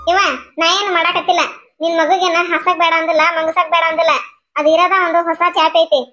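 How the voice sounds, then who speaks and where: A woman playing a stingy old mother-in-law who nags and scolds in a North Karnataka accent. She has a very high, piercing voice. Faint music plays behind her in this cartoon. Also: flat delivery, brisk, sharp tone. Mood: scolding. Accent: North Karnataka Kannada. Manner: scolding, nagging. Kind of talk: cartoon voice acting.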